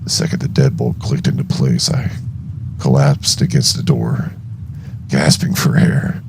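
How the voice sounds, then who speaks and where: Man acting exhausted zombie survivor, very deep gravelly voice. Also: fairly even intonation, background noise, full character voice. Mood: shaken, grim. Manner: slow, halting, heavy dramatic pauses. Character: exhausted, shaken young male zombie outbreak survivor recounting events. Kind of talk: first-person scripted horror audio journal narration.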